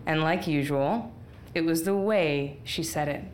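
Slow, low-voiced woman telling a story. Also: a little hiss or hum. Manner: wry, unhurried, deadpan asides. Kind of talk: live storytelling performance.

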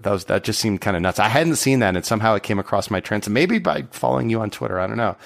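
A man from Connecticut hosts a conversational interview. His low voice has a gravelly, fry-laden edge, and he asks his questions in a relaxed, chatty way. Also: fast. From Connecticut, USA. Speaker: podcast host, editor.

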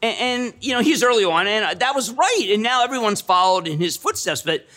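A middle-aged man telling stories as an interview guest, excitable and emphatic, repeating phrases for effect. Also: high-pitched, brisk. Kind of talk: animated storytelling in conversation.

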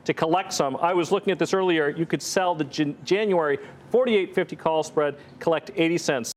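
A man explaining options strategies on a financial TV panel in a measured, explanatory way. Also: on the high side, a little hiss or hum. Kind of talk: market commentary.

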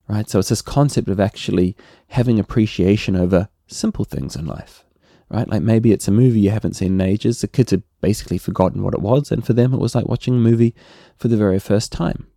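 Gravelly, dark-voiced New Zealand man. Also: lowish voice, dry recording, studio quality. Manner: relaxed, conversational, often adds "right?". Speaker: podcast host. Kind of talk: solo podcast monologue.

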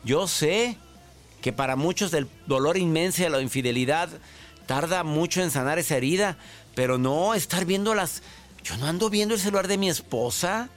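A man hosting a call-in advice radio show, lively and chatty with joking asides. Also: fairly high pitch, moderate pace, faint music behind. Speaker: radio show host, psychologist.

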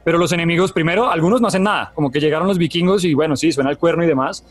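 A man co-hosting a casual video game review chat, talking in a rambling, animated way and laughing as he goes. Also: on the high side, racing.

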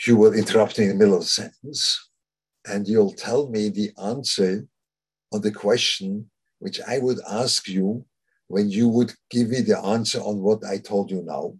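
Husky low-voiced man giving Torah talk. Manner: halting, searches for words, many restarts.

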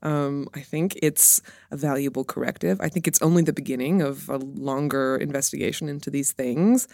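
A woman's voice: very deep voice, moderate pace, gravelly, warm tone, dry recording, clean studio sound. A woman talking as a guest author on a podcast, wry and self-deprecating in casual chat.

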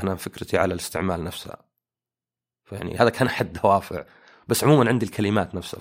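A man's voice: fairly low pitch, vocal fry. A young man, giving a casual, argumentative monologue full of fillers. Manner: rambling, argumentative, many fillers. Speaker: commentator.

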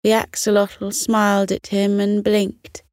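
A woman with a medium-pitched voice narrates a children's bedtime story, her delivery soothing, deliberate, and expressive. The recording is clean studio sound with no room echo.

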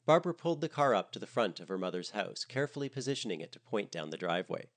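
A man narrating a comedic storybook in a wry, expressive manner. His voice is lowish and swings widely in pitch. He reads with lively timing. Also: fast.

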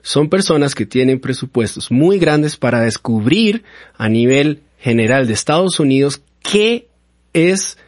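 A father talking about children's faith in a conversational way, warm and affirming. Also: mid-range voice, lively intonation, unhurried, dry recording, clean studio sound. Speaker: father and church speaker. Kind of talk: conversational talk.

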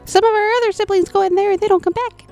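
A small, hungry rat with a Minnesotan twang speaks in a chirpy, hesitant way, as a woman acts it out. The voice is very high and keeps stammering, friendly but wary. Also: steady tone, very fast, darkish tone, faint music behind. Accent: put-on Minnesotan.

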